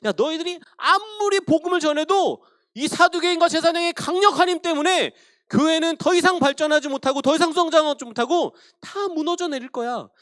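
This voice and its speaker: A man's voice: very high voice, fairly quick, hardly any pauses, fairly bright tone, no echo, clean studio sound, pitched above the performer's own voice. A man voicing a scheming male devil who taunts frightened believers in a sermon. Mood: taunting. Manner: taunting, sneering.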